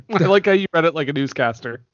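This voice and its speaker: A man's voice: fairly high pitch, expressive, quick pace, no echo, dull audio. A man co-hosting a casual movie podcast, reading critics' reviews aloud and laughing often. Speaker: podcast co-host.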